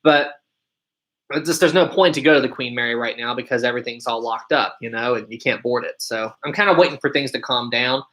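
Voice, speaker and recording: A young man with a deep voice runs a casual live stream, reading viewers' questions aloud and answering each in turn. He speaks fairly quickly with a slightly bright tone.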